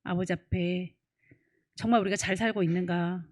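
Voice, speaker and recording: A woman's voice: on the low side, steady tone, normal speed. Emphatic woman pastor preaching. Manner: emphatic, rhetorical questions. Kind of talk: sermon. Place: church.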